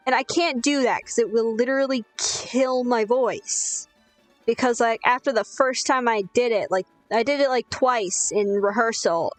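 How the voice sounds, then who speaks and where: A young woman telling a rambling, sweary, self-deprecating story while gaming. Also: a little high. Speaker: gaming streamer.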